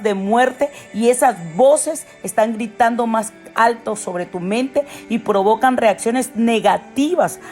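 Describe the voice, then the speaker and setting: Woman preacher with a fairly high voice delivering an emphatic devotional sermon over faint music. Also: a little mellow. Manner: emphatic, repeats "¿ok?" and piles up phrases. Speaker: prophet, preacher.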